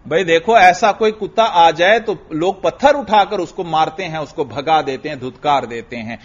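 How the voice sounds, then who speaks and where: Male religious teacher, lively lecture, chants verses, quizzes class, slightly raised pitch, dull lo-fi recording. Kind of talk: classroom lecture explaining Arabic grammar.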